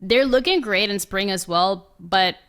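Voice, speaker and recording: Bright-voiced woman hosting a chat. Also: mid-range voice, measured pace. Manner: teasing, moves the talk along with questions. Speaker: podcast host. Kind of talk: casual esports chat.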